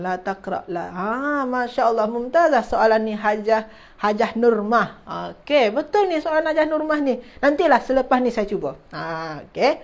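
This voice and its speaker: A woman teaching an online Arabic grammar class. She repeats terms, restarts words and keeps checking whether her listeners understand, addressing them formally as ladies and gentlemen. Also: a little high, creaky, highs cut off. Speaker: religious teacher.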